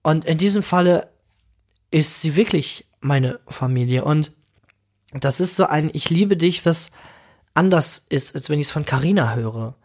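A man's voice: on the high side, animated, measured pace, darkish tone. A man hosting a casual podcast monologue, outspoken and emotional, swearing freely and now and then dropping in English exclamations. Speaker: podcast host.

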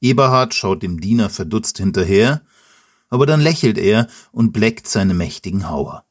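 A man hosting and reading a children's story aloud, talking directly and warmly to the listener. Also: lowish voice, expressive, moderate pace. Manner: friendly, direct address to the listener. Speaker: host and storyteller.

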